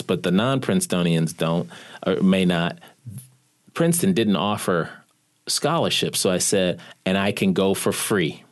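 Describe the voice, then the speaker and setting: Deep-voiced man telling a personal story. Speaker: guest recalling his recruitment. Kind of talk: storytelling in an interview.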